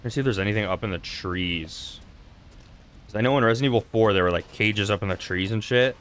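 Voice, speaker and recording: A man giving casual let's-play commentary while gaming, expressive and freely cursing. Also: fairly low pitch, a little fast, a little hiss or hum. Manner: expressive, profane, excitable. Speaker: gaming streamer.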